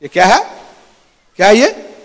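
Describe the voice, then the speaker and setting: A man's voice: high voice, wildly swooping pitch, unhurried. Dramatic male preacher in an echoey hall. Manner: dramatic storytelling with acted-out dialogue. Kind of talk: sermon. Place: temple hall.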